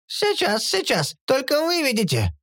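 A cowardly mercenary whimpers and shrieks in a high, wavering voice, as a man puts him on. His pitch leaps up and down. The recording is dry and close. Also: huge pitch swings, normal speed, fairly bright tone, dry recording, exaggerated voice. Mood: whining panic. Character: whining cowardly male mercenary tech.

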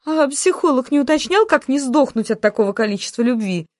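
A woman's voice: sits high, animated, fairly quick, darkish tone, dry recording, clean studio sound, voice pushed up. Woman voicing a pleading, sarcastic office heroine. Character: wry, pleading office-worker heroine, a wife and mother.

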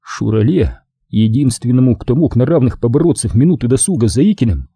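A man narrating an audiobook with expressive storytelling. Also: mid-range voice, fairly quick, slightly rough, no echo, clean studio sound. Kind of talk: scripted narration.

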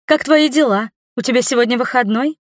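A doting middle-aged mother from an audiobook fantasy, gushing and then pleading through tears, as a female reader puts her on. Her voice sits a touch higher than the narration. The sound is dry and close, with no room around it. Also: brisk, no echo, lightly acted. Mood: effusive, joyful. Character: loving middle-aged mother, emotional and guilt-ridden.

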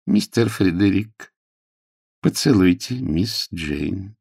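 A man reading aloud, voicing a stern elderly nanny who scolds slowly and firmly. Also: low-pitched, animated, vocal fry, a little mellow, husky, heavily acted. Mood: scolding. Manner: strict, scolding, drawn out. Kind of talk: audiobook character voice.

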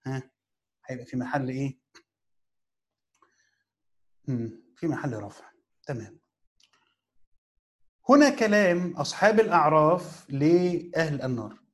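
A man's voice: fairly high pitch, big pitch swings. A man with an Egyptian accent teaching a classical Quran commentary in casual lecture style, often asking his students questions and answering them himself. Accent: Egyptian Arabic. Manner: asks and answers his own questions, drawn-out pauses.

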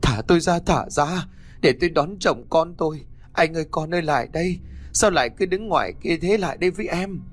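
A man's voice: fairly high pitch, moderate pace. A man voicing a grief-crazed young widow in a spoken ghost story, crying out to her dead husband and son. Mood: frantic. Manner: pleading, trembling cries.

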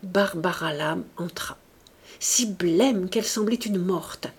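A woman reading a classic novel aloud in measured, expressive scripted narration. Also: on the low side, slightly rough. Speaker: audiobook reader.

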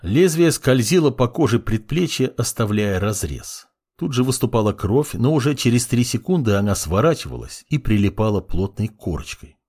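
Husky, expressive male audiobook narrator. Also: medium pitch, normal speed. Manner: dramatic, expressive storytelling. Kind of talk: scripted narration.

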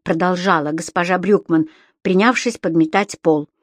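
A woman narrating a children's storybook with an expressive reading. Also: on the low side, normal speed, no echo, clean studio sound. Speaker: audiobook narrator.

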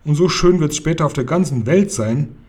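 Ein Mann, der beim Vorlesen einen besorgten, brummigen Onkel spricht, mit heiserer Stimme. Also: male voice, on the high side, expressive, normal speed, a little mellow, breathy edge. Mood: grumbling. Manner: exasperated, grumbling. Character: worried, grumbling uncle, a pharmacist. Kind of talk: reading a children's book aloud.

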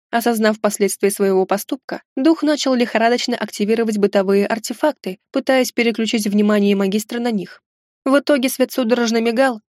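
A woman narrating a first-person fantasy novel in an expressive storytelling manner. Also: dry recording, clean studio sound. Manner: expressive, raises pitch for heroine's exclamations. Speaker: audiobook narrator.

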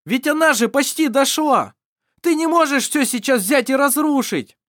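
A reader voicing a young man who shouts high and frantic in despair, in an audiobook. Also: lively intonation, moderate pace, no echo, clean studio sound.

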